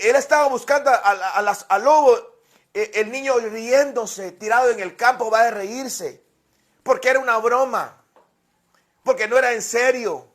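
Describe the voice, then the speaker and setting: A man's voice: very high-pitched, a bit bright. A man preaching a sermon as pastor, telling a story and reading scripture, often repeating words and speaking directly to his listeners.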